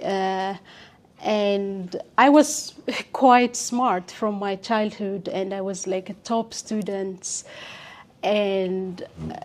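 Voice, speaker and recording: A young woman from Ethiopia, telling her life story as an interview guest in a halting way with many pauses and fillers. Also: mid-range voice, darkish tone.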